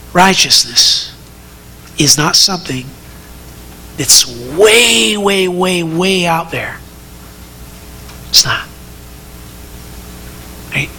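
A man preaching a sermon to his congregation, earnest and conversational, often repeating words as he builds to emphatic high peaks. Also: sharp tone, slight background noise. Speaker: pastor.

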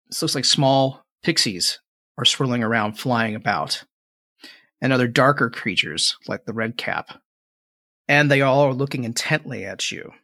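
A man's voice: mid-range voice, pushed and bright. Man narrating a fantasy tabletop game. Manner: descriptive, halting, rephrases as he goes. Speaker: game master.

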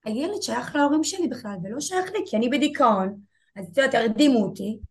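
A woman in her twenties telling a painful personal story as an interview guest, halting and repeating herself. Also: a little high, animated. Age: 20s. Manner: halting, repeats herself, voices rise and fall with emotion.

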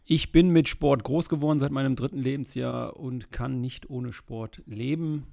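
Middle-aged man, gravelly voice, interview guest, steady delivery, frequent ums. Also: medium pitch, moderate pace. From Germany, Rhineland. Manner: fluent and steady, with frequent filler sounds. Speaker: interview guest, state politician. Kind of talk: casual interview.

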